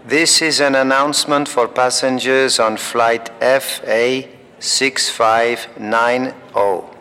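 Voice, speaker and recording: An actor playing a calm, formal male airport announcer who reads flight numbers slowly and clearly. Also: mid-range voice, in a large hall. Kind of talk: scripted language-course recording.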